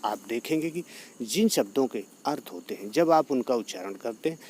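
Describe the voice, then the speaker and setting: A man gives a steady, explanatory yoga talk, repeating key points as he goes. His voice sits at an ordinary middle pitch. Crickets chirp softly behind him. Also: normal speed, slight background noise. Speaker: yoga teacher.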